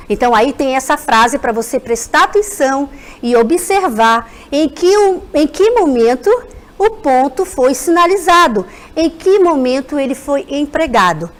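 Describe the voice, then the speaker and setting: A Brazilian woman teacher giving a televised school lesson, speaking to the children in an animated way and addressing them directly. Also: sits high.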